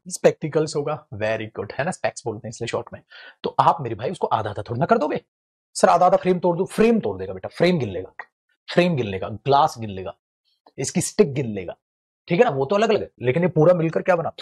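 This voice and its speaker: A man teaching English grammar in a lively, joking classroom lecture, calling his students friends and brothers. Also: mid-range voice, breathy edge.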